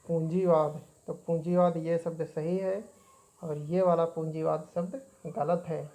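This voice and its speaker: In this exam-prep grammar lesson, a woman with a low, dark voice speaks flatly and steadily, a little slowly, repeating each word and labeling it right or wrong. The audio quality is poor.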